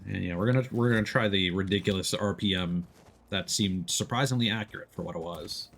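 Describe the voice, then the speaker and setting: A game streamer with a low, gravelly, slightly bright voice talks a little fast, giving playful commentary packed with loose swearing, silly exclamations, and sound words. Video game sound effects play in the background.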